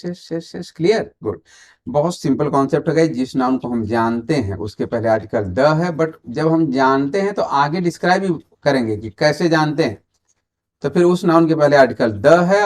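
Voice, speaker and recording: Indian male English teacher, fairly high. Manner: mixes Hindi and English, quizzes viewers and waits for replies. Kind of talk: online exam-prep grammar lesson.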